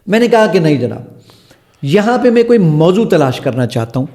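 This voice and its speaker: A man's voice: on the high side, big pitch swings, dark tone. A man, the founder of an app, eagerly explaining and demonstrating its features step by step as a podcast guest. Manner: eager, stepping through features one by one.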